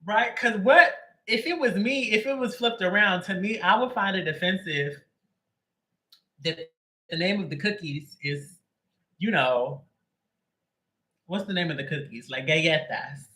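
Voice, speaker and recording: A man's voice: sits high, measured pace, long pauses, sharp tone, low-quality recording. A man hosting a live tarot reading, chatting casually with viewers and greeting them by name between joking asides. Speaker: tarot reader. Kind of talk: livestream chat before a reading.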